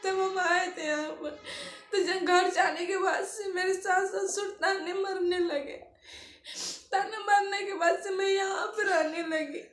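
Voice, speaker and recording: A woman's voice: very high-pitched, steady tone, takes it slowly, fairly bright tone, echoey room, faint music behind. A crying woman vlogger with an eastern Uttar Pradesh accent, pleading emotionally and repeating herself. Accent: Bhojpuri-tinged eastern Uttar Pradesh Hindi. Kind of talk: tearful personal vlog appeal.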